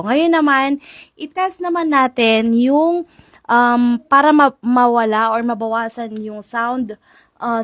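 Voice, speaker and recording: Woman, casual vlogger, chatty, slightly high voice, dry close lapel mic. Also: fairly bright tone, no echo. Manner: chatty, calls out hellos to viewers, laughs often. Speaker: vlogger reviewing a wireless mic. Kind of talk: casual product demo vlog. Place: home and outdoor yard. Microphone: wireless lapel mic.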